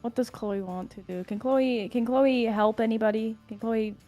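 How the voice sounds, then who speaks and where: A woman's voice: a little high, steady tone, moderate pace, mellow, faint music behind. A woman playing a tabletop role-playing game, chatting in a giggly, playful way. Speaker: player.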